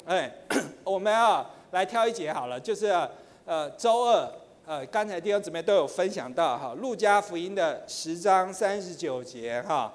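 A middle-aged man teaching in church, chatty with many fillers, slowing into chanted prayer. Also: sits high. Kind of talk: sermon teaching. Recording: long hall reverb.

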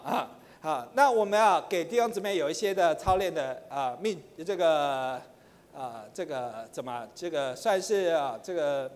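A middle-aged man teaching in church, chatty with many fillers, slowing into chanted prayer. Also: on the high side. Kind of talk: sermon teaching. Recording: long hall reverb.

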